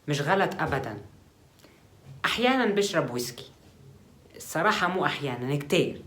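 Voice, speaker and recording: An actor with a Syrian accent playing a whisky-loving, quarrelsome roommate in a comedy sketch. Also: male voice, a little high, fairly bright tone. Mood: confessing. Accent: Syrian Arabic.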